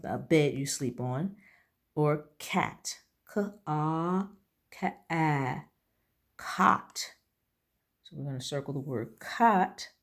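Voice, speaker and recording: A woman teaching a phonics lesson to young children, patiently drawing out each letter sound. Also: deep voice. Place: at home.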